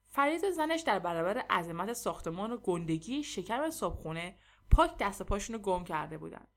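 A woman narrating a humorous story in a lively, expressive reading. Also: medium pitch.

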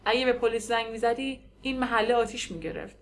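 A menacing young male biker, as a woman narrator reads him, who speaks in flat, expressionless, clipped lines. The voice stays somewhat high for a man. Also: slight background noise, natural voice. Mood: cold.

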